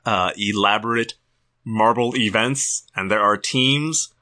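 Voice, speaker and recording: Low bright-voiced young man chatting. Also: slow pace. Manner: laid-back, chuckles often. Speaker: podcast co-host. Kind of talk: casual chat.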